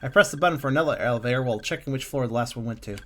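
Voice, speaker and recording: Calm man reading a text game aloud. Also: medium pitch, very fast, a little hiss or hum. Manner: calm, musing reading with small slips.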